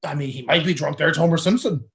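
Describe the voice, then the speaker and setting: A man's voice: on the high side, fast talker, creaky. A man co-hosting a podcast in casual comedic banter, opinionated and teasing. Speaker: podcast co-host.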